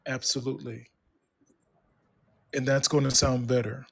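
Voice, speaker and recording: A male English tutor speaks slowly and patiently, coaching a student one-on-one. He encourages as he goes and pauses now and then to type. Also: mid-range voice, flat delivery, gravelly, fairly bright tone, slightly rough. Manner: patient, encouraging, talks while typing. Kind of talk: one-on-one online English lesson.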